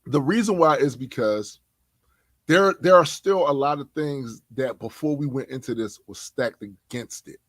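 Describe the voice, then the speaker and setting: A man co-hosting a casual podcast, talking in an animated, slangy way and laughing often. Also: mid-range voice, normal speed, dry recording. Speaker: podcast co-host.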